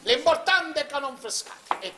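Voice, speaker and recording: A man's voice: extremely high pitch, expressive, moderate pace, pushed and bright, heavily acted. An actor playing a blustering café haggler in Sicilian dialect on a comedy stage, an older man with a Sicilian accent. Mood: insistent. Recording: roomy stage, clear background noise.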